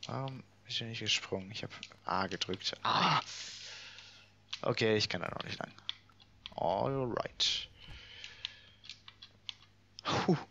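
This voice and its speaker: A man's voice: on the low side, takes it slowly, gravelly, long pauses, pushed and bright, lo-fi sound, a little hiss or hum. A man casually commenting while playing a game, chatty and muttering to himself. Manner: chatty, muttering, swears and laughs. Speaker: let's play gamer.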